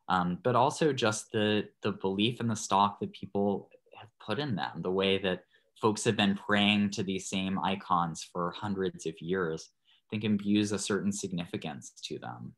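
A man's voice: lowish voice, a bit bright. A man, a priest, giving a thoughtful parish class over a video call, loosely phrased with many restarts. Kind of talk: online parish talk.

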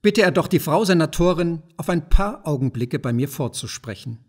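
A canny, self-pleased senator from a classic storybook who addresses people in stiff old-fashioned forms, as a male audiobook reader does him. His voice is slightly husky at a middle pitch. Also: animated, normal speed. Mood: self-assured. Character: shrewd, self-satisfied old-style merchant senator.

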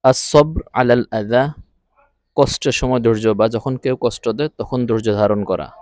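Recorded dry and close like a voice-over, a man with a medium-pitched, somewhat dark voice teaches a language lesson from a script. He translates one phrase at a time, in a didactic manner, deliberately repeating each phrase.

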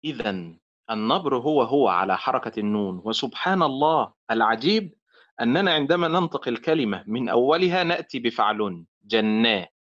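A man's voice: medium pitch, a bit bright. A man teaching Quranic stress in an online class, who praises his students and quotes poetry. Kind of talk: online lecture with student recitations. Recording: muffled lo-fi audio.

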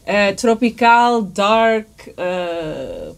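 A woman in her thirties from Canada, a guest in a small podcast studio, chatting in a halting way, often searching for words and letting phrases trail off softly. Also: mid-range voice, sing-song, gravelly. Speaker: guest musician. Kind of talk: casual interview chat.

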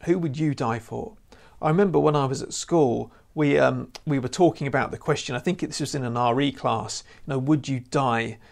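At normal speed and with few pauses, a man with a medium-pitched, gravelly voice preaches to camera in an earnest, conversational sermon, frequently using "you know." He's recorded on a lapel mic in an indoor room with a lamp and a church banner.

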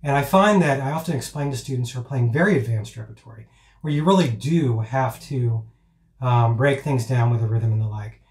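A man's voice: medium pitch, fairly quick, a little mellow. Man teaching in an echoey room. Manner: rambling, with many fillers and restarts; chants counts and rhythm words aloud as demonstrations. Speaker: piano teacher. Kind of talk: informal teaching talk. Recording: roomy echo.

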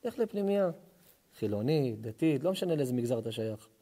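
A man giving a fervent Hebrew sermon as a rabbi, moving between forceful exhortation and soft, intimate storytelling. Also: medium pitch, big pitch swings. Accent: Israeli Hebrew. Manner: impassioned, rising to near-shouts at the opening, then hushed and intimate. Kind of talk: sermon to a live audience.

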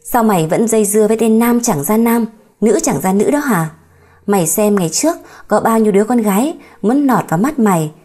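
A woman's voice: mid-range voice, lively intonation, a little fast, warm tone, lightly acted. A woman voicing a harsh, controlling old mother in an audiobook story, dramatic and scolding.

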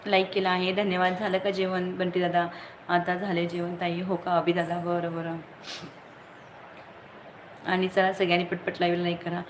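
A woman chats casually on a live stream, greeting each viewer and urging likes and shares. Her voice sits low and stays fairly flat. A faint hiss of background noise runs under her. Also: moderate pace, long pauses, rough recording. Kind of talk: casual live-stream chat reading comments.

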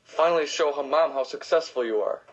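A man delivering a hyped, hard-selling mock infomercial pitch. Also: fairly quick. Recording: dull lo-fi recording.

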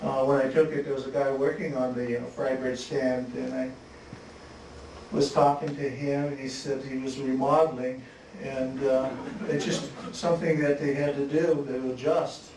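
Man giving a halting slide talk in an echoey hall. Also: medium pitch. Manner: relaxed, halting, frequent restarts and chuckles. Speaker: photographer presenting his work. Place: museum lecture hall. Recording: echoey hall, distant mic, faint hiss.

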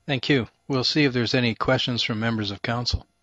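A man chairing a city council meeting, brisk and courteous, recorded with dull lo-fi audio in a council chamber. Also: mid-range voice, steady tone, fairly bright tone, dry recording. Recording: dull lo-fi audio with faint noise.

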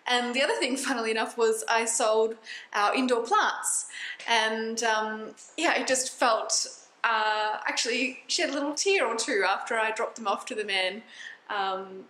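A woman's voice: on the high side, measured pace. Chatty woman in an echoey room. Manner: reflective, chatty, with soft laughs. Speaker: vlogger. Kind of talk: casual vlog talk to camera. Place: small indoor rooms of a house. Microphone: phone camera held at arm's length. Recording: roomy sound.

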